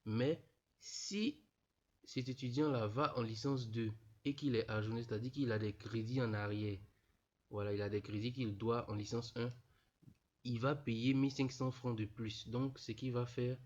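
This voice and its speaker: A young man with a stuffy nose from a cold gives a casual screen tutorial to students, addressing them informally. His medium-pitched, steady, slightly mellow voice moves a little slowly, he repeats himself and keeps saying "voilà," and the voice-over sounds dull and lo-fi.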